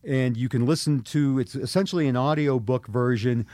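Middle-aged guy talking about his book, earnest, kinda halting, dry close sound. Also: medium pitch, darkish tone, no room sound. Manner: earnest, reflective, with frequent restarts. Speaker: author and guest. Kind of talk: interview conversation.

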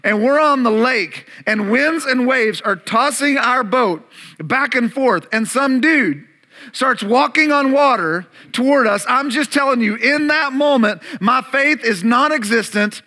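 A man's voice: extremely high pitch, a little slow, pushed and bright. A man preaching a sermon to his congregation, telling the story dramatically with playful asides to the room. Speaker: pastor. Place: church service before a congregation.

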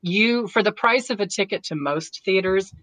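A woman actor talks casually as an interview guest, laughing often and restarting her sentences. Her voice sits at a middle pitch. The sound is dry and close. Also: normal speed, fairly bright tone, no echo, poor audio. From United States.

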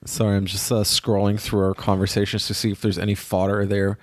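A man with a fairly low voice co-hosts a podcast, trading dry, gossipy remarks in loose casual chat. He hedges often with fillers and restarts. The recording is close and dry, with no room sound. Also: flat delivery, a little fast, dry recording. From New York. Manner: dry, chatty, frequent fillers. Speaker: podcast co-host.

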